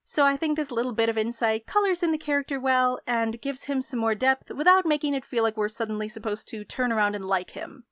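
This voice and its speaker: A young woman narrating a scripted game review in an articulate, measured way. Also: a little high, fairly bright tone, dry recording, studio quality. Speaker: video essayist, game reviewer.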